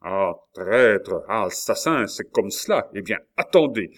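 A man voicing a cornered, defiant young nobleman who shouts in indignation. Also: fairly low pitch, expressive, unhurried. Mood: defiant furious.

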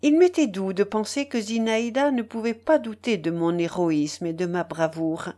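A woman narrating a classic novel in an audiobook, in a measured, expressive reading. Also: mid-range voice. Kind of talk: scripted literary narration.

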